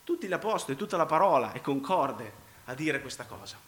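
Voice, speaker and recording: A congested man preaching a sermon, clearing his throat now and then. His voice sits high and sounds bright and forceful as it rings around an echoey room. He hammers phrases by repeating them, then drops low and quiet. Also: very animated, a little fast. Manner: dramatic swings from loud emphasis to low near-whispers, repeating phrases.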